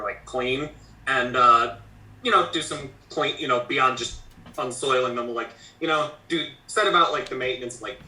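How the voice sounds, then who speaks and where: Very bright-voiced man thinking aloud, distant mic. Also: medium pitch. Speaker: tabletop role-playing player. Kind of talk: casual tabletop game chat. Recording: roomy, distant mic, faint noise.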